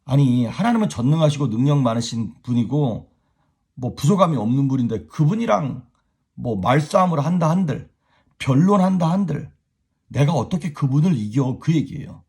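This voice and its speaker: A man giving a casual devotional sermon as a pastor, animated, chuckling and speaking straight to his viewers. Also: mid-range voice, normal speed, vocal fry, husky.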